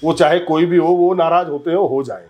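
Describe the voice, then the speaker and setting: A man's voice: on the high side, moderate pace, highs cut off, music in the background. A man as a guest in a heated political interview, talking emphatically, arguing his points and often cutting in over the interviewer. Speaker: interview guest, community leader.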